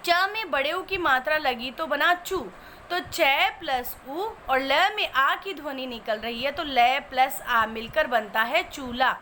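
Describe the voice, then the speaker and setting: A woman's voice: high-pitched, takes it slowly, pushed and bright, slight background noise. A woman teaching a spelling lesson, patiently breaking each word into its sounds step by step.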